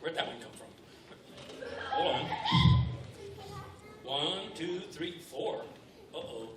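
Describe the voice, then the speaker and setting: A man's voice: on the high side, lively intonation, unhurried. A man performing live comedy juggling and magic on stage, with the playful, feignedly befuddled patter of a kids party magician, in a noisy, echoey recording from far off. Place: stage before a live audience.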